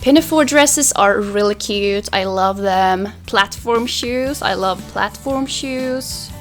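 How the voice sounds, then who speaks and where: A young adult beauty vlogger from Finland, whose first language is Swedish, talks easily through a makeup tutorial with Q&A. Her mid-pitched voice is soft and relaxed and she takes it slowly while she works. She's recorded close up in a small pastel bedroom, with faint music underneath.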